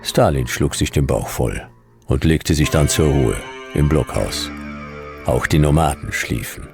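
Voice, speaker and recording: Narrating a radio drama over music, a male actor plays a world-weary detective with sardonic, deadpan, clipped lines. He has a bass voice and speaks a little slowly.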